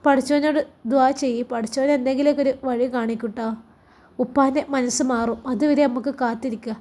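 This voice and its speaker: A woman voicing a grown son who calmly reasons with his mother, in a Malappuram Malayalam accent. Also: sits high, fairly quick, natural voice. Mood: reassuring.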